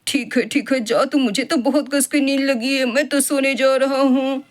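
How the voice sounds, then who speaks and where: A woman's voice: high voice, steady tone, normal speed, close to an everyday voice. A woman voicing a lazy husband who sounds drowsy and grumbles. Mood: sleepy. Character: sleepy, lazy grown husband.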